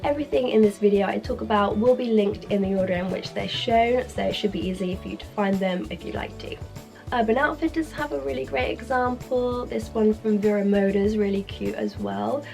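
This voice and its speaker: A British woman talks through a fashion guide in an informal, chatty manner. Her medium-pitched voice sounds sick and strained, as with a sore, swollen throat. Light music plays behind her. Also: brisk, creaky, darkish tone. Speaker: fashion video creator. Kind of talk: upbeat scripted fashion guide to camera.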